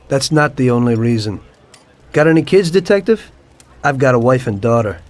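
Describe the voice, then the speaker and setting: A lightly acted male voice, mid-range and at a moderate pace, narrates his past as an ex-cab driver who became a mafioso. Calm and unrepentant, this informant coolly tells a detective his story in a game cutscene, matter-of-fact throughout.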